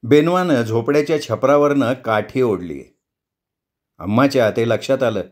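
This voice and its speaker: A man narrating a novel as an audiobook, in a measured, expressive reading. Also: mid-range voice. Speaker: storyteller.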